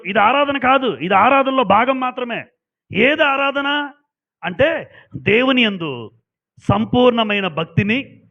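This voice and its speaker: High-voiced man preaching a sermon. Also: gravelly. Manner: emphatic, questioning the congregation. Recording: dull lo-fi sound.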